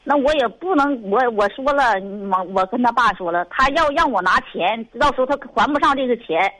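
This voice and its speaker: A woman's voice: fairly high pitch, animated, a little fast, a bit bright, low-quality recording. A middle-aged woman with a Northeastern Mandarin accent calling an advice show, sighing and rambling in exasperation. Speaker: caller. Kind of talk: call-in conversation.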